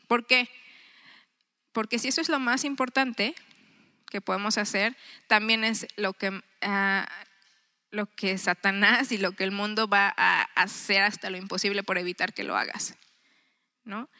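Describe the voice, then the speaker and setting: Bright-voiced woman giving an earnest devotional talk. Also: mid-range voice. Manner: chatty, earnest, acts out her inner thoughts. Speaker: women's devotional speaker. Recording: long reverb.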